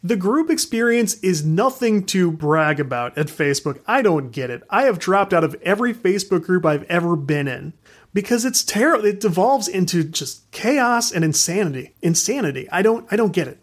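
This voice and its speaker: A fairly high-voiced man rants through a casual podcast monologue. He is frank and animated, laughs as he goes, and swears without a second thought. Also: normal speed. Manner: ranting, frank, swears freely; animated, laughs while talking. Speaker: podcast host.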